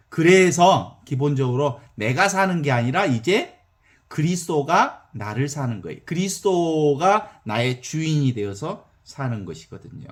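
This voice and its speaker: Male priest, Jeolla accent, lively folksy sermon, fairly high voice. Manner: animated, folksy, asks the audience for assent.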